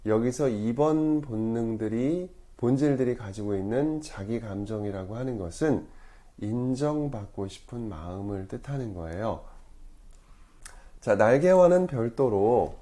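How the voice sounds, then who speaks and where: A male priest with a mellow voice teaches calmly in an explanatory talk, measured but often rephrasing and correcting himself mid-phrase, stressing key words with sudden rises in pitch and loudness.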